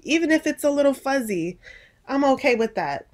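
A woman's voice: high-pitched, big pitch swings, normal speed. Woman vlogger, casual chat to camera, rambling and a bit breathless. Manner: rambling, chatty, many restarts and fillers.

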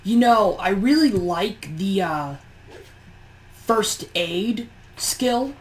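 A woman's voice: mid-range voice, lively intonation, drawn-out words, poor audio. A tired woman with a morning voice, chatting through gameplay commentary on a push-to-talk mic and grumbling in exasperation at how things are going. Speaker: let's play host.

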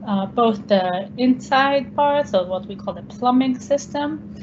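An Israeli-born woman, a guest scientist, gives an online presentation lecture over a laptop webcam video call from a room at home. Her medium-pitched delivery is explanatory, with many ums and slightly non-native phrasing. The audio is dull and lo-fi, with background noise.

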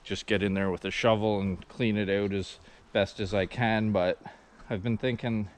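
Male, 40s, low smooth voice, rambling outdoor vlog walkthrough, arm's-length camera. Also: moderate pace. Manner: relaxed, rambling explanation with many ums. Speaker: sawmill vlogger. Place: outdoors at a forest clearing sawmill site. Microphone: camera held at arm's length.

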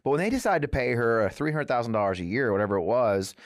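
Lively sardonic man with dry sound. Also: mid-range voice, fast talker, no echo. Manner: sardonic, laughing, repeats words. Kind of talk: casual political chat.

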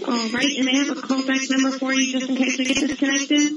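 A male customer support agent speaks politely, hesitating often with fillers. His voice is high. The call sounds distant and echoey, with crowd chatter clearly behind him. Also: little pitch movement, fast, muffled recording.

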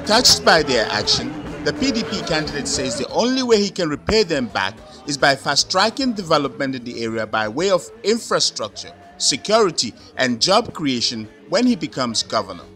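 A man's voice: on the high side, big pitch swings, moderate pace, hardly any pauses, pushed and bright, faint music behind. A man reading scripted news narration as a reporter.

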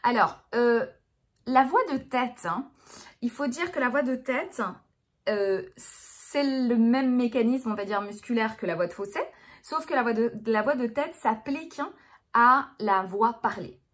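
A woman's voice: fairly high pitch, unhurried. Woman explaining voice technique. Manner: hesitant, many fillers and restarts. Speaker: speech therapist. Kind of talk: explanatory lesson.

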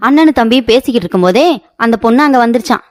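A woman tells a cartoon story in a plain, folksy way. Her voice sits a little high, with faint music underneath. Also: animated, rapid-fire. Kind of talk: scripted cartoon narration.

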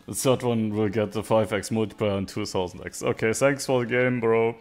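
A man in his thirties giving casual, profane live-stream commentary as a casino game streamer, with excitable outbursts. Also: lowish voice, fairly quick. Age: 30s.

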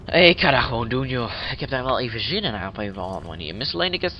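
A man's voice: mid-range voice, very animated, fast, lo-fi sound, slight background noise. A man giving playful, chatty commentary while playing a video game, joking with the characters. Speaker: let's play gamer. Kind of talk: casual gameplay commentary.

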